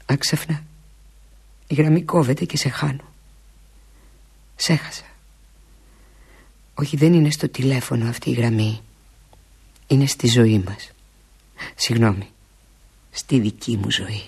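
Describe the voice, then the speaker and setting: A woman performing a theatrical monologue as a lovesick woman pleading with an absent lover, intimate and often slipping into breathy half-whispers. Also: very deep voice, pauses often, a little mellow, full character voice. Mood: wistful.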